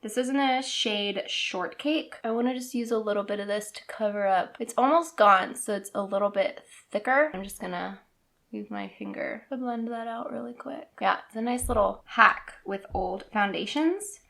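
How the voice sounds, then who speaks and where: A woman's voice: mid-range voice, moderate pace, creaky, fairly bright tone. A woman chatting casually and upbeat while she applies makeup in a beauty vlog. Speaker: beauty vlogger. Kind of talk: casual makeup tutorial chat.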